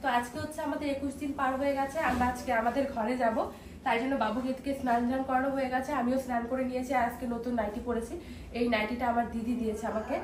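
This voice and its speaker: A young mother with a high voice talks to her camera while she tends her baby, speaking fondly and casually. She is recorded from a distance in an echoey room at home, with clear background noise. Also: fairly even intonation, very fast. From India. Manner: cooing and fond toward her baby. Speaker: family vlogger. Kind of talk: casual on-camera vlog talk. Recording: echoey room, far from mic, noisy.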